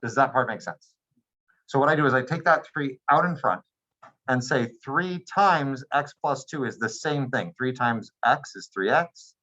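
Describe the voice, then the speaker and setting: A man's voice: mid-range voice, lively intonation, moderate pace, pushed and bright, lo-fi sound. Male math teacher lecturing a class. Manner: checks in with students often, patient and plain.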